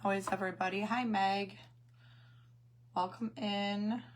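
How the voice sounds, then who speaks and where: A woman with a hoarse, failing voice that cuts in and out, chatting casually as she hosts a craft livestream and greets her viewers. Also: mid-range voice, fairly even intonation, measured pace, a little hiss or hum. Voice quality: hoarse, voice cutting in and out. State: losing her voice after coughing.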